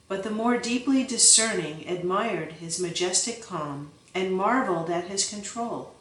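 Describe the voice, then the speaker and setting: A woman reads a book aloud in an unhurried, measured way. Her voice sits back from the microphone in a roomy space with a noticeable echo, and her delivery stays steady and even. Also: mid-range voice, recorded from a distance. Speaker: audiobook narrator. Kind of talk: scripted audiobook narration. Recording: roomy, voice set back from the mic.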